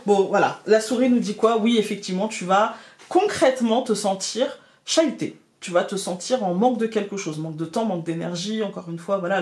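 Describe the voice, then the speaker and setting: A woman's voice: medium pitch, darkish tone, echoey room. A woman with a Picard accent giving a weekly tarot guidance, talking directly to her viewers with many hesitations and restarts. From France. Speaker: tarot card reader. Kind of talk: weekly card reading guidance.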